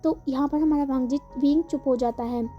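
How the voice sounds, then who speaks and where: A woman's voice: high-pitched, fairly even intonation, fairly quick. A woman casually telling a fan fiction story, chatty with frequent fillers and English words mixed in. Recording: slightly dull, faint background music.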